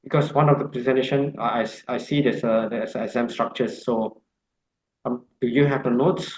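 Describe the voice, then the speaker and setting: A man leading an online course orientation, talking haltingly with many ums and uhs. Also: mid-range voice, fairly even intonation, a little mellow, roomy sound, slight background noise, rough recording. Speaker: course instructor.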